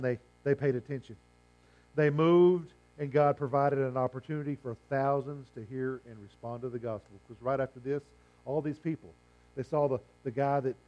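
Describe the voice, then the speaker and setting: A man preaching a sermon, hoarse, with emphatic phrasing, rhetorical questions and slow stressed lines. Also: mid-range voice, darkish tone, highs cut off. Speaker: pastor.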